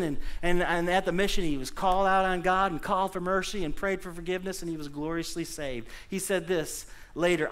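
Animated preacher man, high bright voice. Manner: animated, calls out to the congregation with sudden loud bursts. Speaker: pastor. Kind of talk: sermon. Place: church sanctuary.

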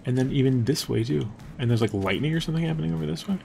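A young man commentating a game casually, thinking aloud and dropping to hushed tones when nervous. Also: mid-range voice, animated, rapid-fire, gravelly, a little hiss or hum. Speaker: gameplay commentator. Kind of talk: casual let's-play commentary.

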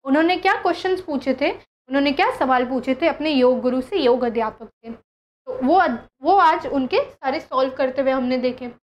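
High-pitched woman teacher, flips between hindi and while going over a lesson with students. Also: normal speed, highs cut off. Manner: mixes Hindi and English, repeats terms, asks students questions. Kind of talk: recorded class lesson, revision.

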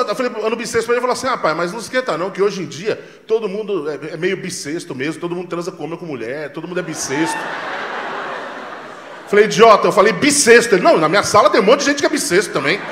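Loud, animated Brazilian comedian on stage. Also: male voice, sits high, background noise. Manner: loud, animated storytelling with acted-out dialogue and swearing. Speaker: stand-up comedian. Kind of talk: stand-up comedy set. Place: comedy club stage with live audience. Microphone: handheld stage mic. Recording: roomy club sound.

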